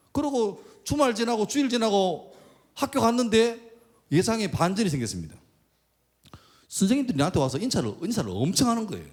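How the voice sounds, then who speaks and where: Animated pastor with a husky voice. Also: male voice, high-pitched. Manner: animated, acts out quoted voices. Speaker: pastor and school chaplain. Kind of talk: storytelling sermon. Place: church sanctuary.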